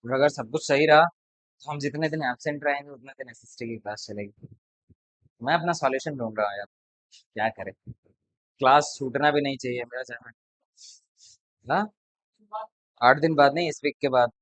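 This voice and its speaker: A man speaks to his class in a loose, lecturing way, blunt and talkative. His voice sits at a middle pitch. The sound is dry, with little room echo. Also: moderate pace, long pauses, fairly bright tone. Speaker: math tutor. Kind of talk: casual classroom talk to students.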